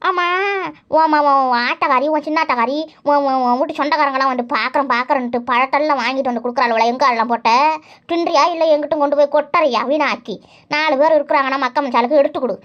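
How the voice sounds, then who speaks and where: A woman's voice: high voice, fairly even intonation, fast, fairly bright tone. A woman voicing a bitter, quarrelsome elderly mother-in-law in a cartoon, nagging and sarcastic. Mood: scolding. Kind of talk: cartoon voice acting. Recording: dull lo-fi recording.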